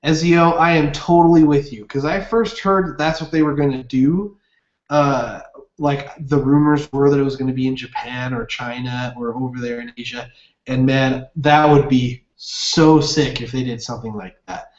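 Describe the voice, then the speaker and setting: A man's voice: mid-range voice, steady tone, moderate pace. A young man hosting a casual gaming livestream, rambling upbeat with lots of fillers while reading viewer comments. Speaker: livestream host. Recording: roomy, dull lo-fi webcam audio.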